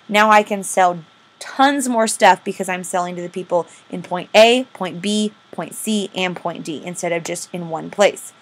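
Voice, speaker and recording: A woman teacher, giving a recorded lecture, asking the class questions and then answering them herself, slowing down on key terms. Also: medium pitch. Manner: slows down to stress key terms. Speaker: history teacher.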